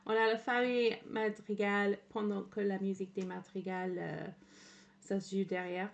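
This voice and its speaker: A woman from England streams in French with an English accent, her mid-range voice carrying vocal fry and little pitch movement at a moderate pace, with the highs cut off in the audio. Her casual commentary is hesitant, peppered with "euh," mixed with English words and frequent laughter.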